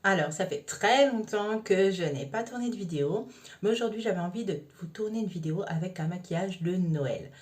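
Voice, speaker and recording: A makeup vlogger talks through a tutorial step by step, casual and chatty with many fillers. Her mid-range voice is animated and fairly quick.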